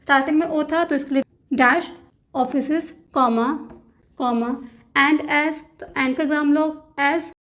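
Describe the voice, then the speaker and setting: A woman's voice: high-pitched, fairly even intonation, measured pace, a bit bright. A woman teaching shorthand step by step. She spells out each stroke and repeats every word. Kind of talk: step-by-step dictation lesson.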